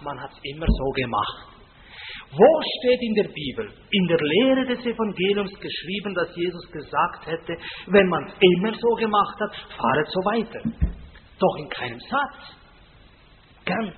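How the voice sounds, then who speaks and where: A man's voice: fairly high pitch, slight background noise. A man preaching a sermon in a folksy, emphatic way, often adding a questioning "gell?". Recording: tinny lo-fi line in a reverberant hall.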